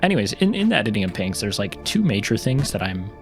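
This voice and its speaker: Talking quickly in a fairly low, sing-song, creaky voice over music, a gaming YouTuber and novelist plays a game and rambles casually, full of ums and restarts, laughing now and then.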